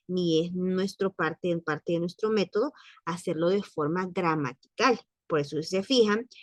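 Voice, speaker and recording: A woman with a lowish voice teaches French in an online class, recorded dry. She is patient, explaining carefully, repeating phrases, and slowing down for examples.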